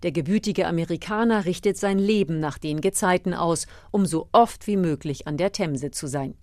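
In a fairly low, slightly mellow voice, a woman narrates a radio feature at a moderate pace. Her scripted, documentary-style storytelling is recorded close and dry, with no room sound at all.

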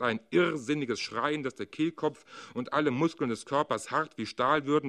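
A man reading a literary story aloud as narrator, with expressive, dramatic delivery. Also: mid-range voice.

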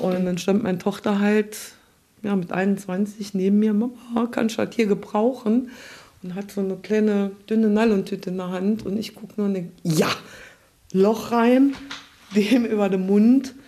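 A woman from Germany, a nurse, telling a personal story dramatically, dropping to hushed asides and rising loud. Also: medium pitch. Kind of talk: spoken anecdote.

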